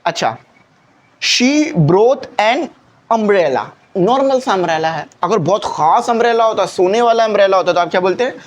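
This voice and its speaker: A man's voice: high-pitched, fast talker, hardly any pauses. A man teaching a classroom grammar lesson who talks patiently, repeats his key points and keeps asking rhetorical questions.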